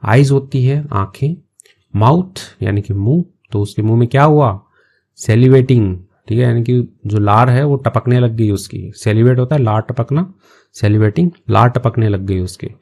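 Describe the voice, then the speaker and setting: Gravelly-voiced man teaching English. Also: mid-range voice, darkish tone. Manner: slow, patient word-by-word explanations. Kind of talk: explaining an English story in Hindi.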